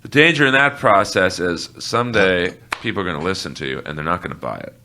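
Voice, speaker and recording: A man's voice: low-pitched, fast talker, pushed and bright. A man appearing as a guest on a podcast, giving blunt, irreverent opinions in casual chat.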